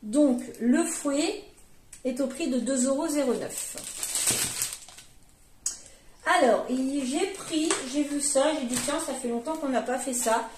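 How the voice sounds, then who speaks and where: A woman's voice: high voice, a little slow, background noise. A woman in her forties chatting casually in a vlog, rambling along with lots of fillers and self-corrections. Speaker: vlogger, mother. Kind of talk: casual grocery haul chat. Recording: echoey room.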